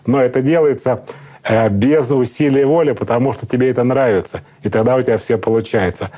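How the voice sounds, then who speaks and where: A middle-aged man, a psychotherapist, calmly explaining in an interview in a lecturing manner. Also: medium pitch, a little fast. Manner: calm, lecturing, acts out example speakers. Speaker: psychotherapist guest.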